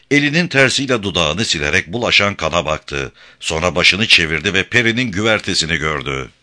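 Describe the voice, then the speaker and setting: A man narrating an adventure audiobook in a measured, expressive reading. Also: deep voice.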